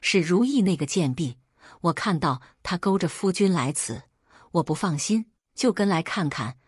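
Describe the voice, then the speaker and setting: A woman voicing a shrill, accusing young noble wife, in a storybook reading. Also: lively intonation, normal speed, a little mellow, breathy edge, no echo, clean studio sound. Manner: shrieking, accusing.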